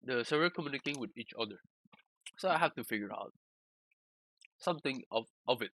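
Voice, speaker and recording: Man talking through a stream, halting. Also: mid-range voice, animated, bright, forceful tone, no echo, low-quality recording. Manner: halting, repeats words, loose non-standard English phrasing. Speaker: streamer explaining game data analysis. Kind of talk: casual live-stream walkthrough.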